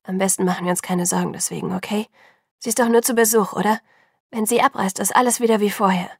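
A woman voicing a calm, guarded teenage boy who speaks in a cool, even tone. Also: mid-range voice, fast, creaky, dry recording, clean studio sound. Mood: coaxing. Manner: cool, quiet, even-toned.

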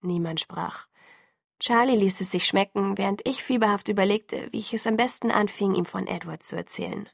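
A woman narrating a first-person novel as an audiobook in a measured, even way. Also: mid-range voice, vocal fry, no echo, studio quality. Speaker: audiobook reader.

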